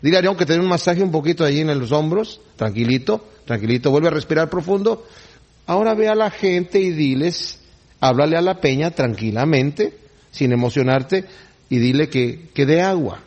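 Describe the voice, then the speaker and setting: A man voicing God as a patient, commanding presence giving a prophet calm instructions in a sermon. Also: fairly high pitch, moderate pace. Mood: soothing.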